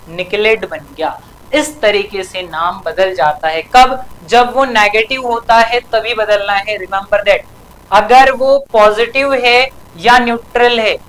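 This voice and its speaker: A woman's voice: mid-range voice, fairly bright tone, poor audio. A woman teaching a chemistry lesson for exam prep, asking a question and then answering it herself, adding a tag question after many sentences. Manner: keeps asking and answering her own questions.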